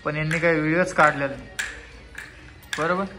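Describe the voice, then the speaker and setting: A man's voice: on the high side, fairly even intonation, a little fast. A man chatting playfully at home for his family vlog, coaxing the children as he films. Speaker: family vlogger. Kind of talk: casual home vlog chat. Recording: noisy home phone recording.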